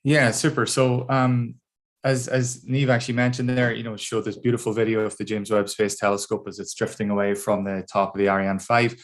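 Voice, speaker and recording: Middle-aged man, Donegal accent from Ireland's northwest, slightly low voice, thoughtful guest speaker explaining things informally on a video call. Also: flat delivery, brisk. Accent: Donegal, northwest Irish. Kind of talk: informal career talk to students.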